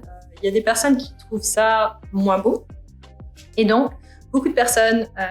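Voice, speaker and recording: Young woman from Canada, relaxed get-ready-with-me chatter, filler-heavy, echoey room with soft music. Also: on the high side. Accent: France-style French learned in Canada. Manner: chatty, musing aloud with many fillers. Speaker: beauty vlogger. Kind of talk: casual get-ready-with-me chat.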